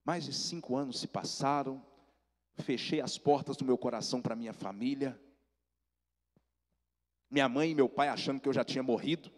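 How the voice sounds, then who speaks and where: A man with a Minas Gerais accent, an evangelist giving an animated testimony sermon and addressing listeners directly. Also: medium pitch, normal speed, long pauses, big-room sound. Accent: Minas Gerais Portuguese. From Brazil.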